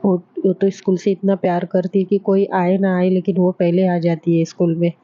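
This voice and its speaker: A woman voicing a jealous, scheming teenage schoolgirl in a quick, pushy, everyday way, on a dull lo-fi recording. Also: on the low side, completely flat delivery, no echo, natural voice.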